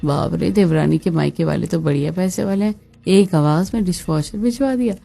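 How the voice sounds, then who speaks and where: A woman's voice: lowish voice, normal speed, creaky, warm tone, slightly rough, soft background music, pitched below the performer's own voice, exaggerated voice. A woman voicing a lazy, mocking elder sister-in-law in a cartoon, with a smug, teasing tone.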